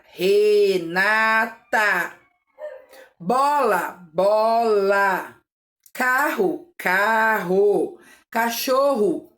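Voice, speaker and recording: A Brazilian woman teaching literacy in a slightly high voice, taking her time. She chants short rhymes word by word and syllable by syllable between explanations. Her voice rings in an echoey room. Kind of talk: teaching video for families.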